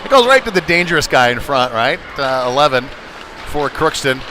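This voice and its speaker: Very animated and mid-range in pitch, this man speaks at a normal speed while doing live hockey play-by-play at the rink, adding casual asides between calls. The broadcast has background noise, with music coming over the venue speakers.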